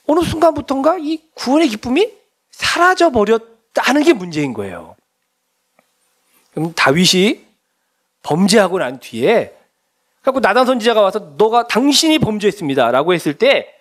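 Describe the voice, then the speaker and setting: A man's voice: high-pitched, normal speed. A middle-aged man preaching as a pastor, talking to the congregation in a conversational way and asking many questions. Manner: animated, conversational preaching with frequent rhetorical questions. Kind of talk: sermon.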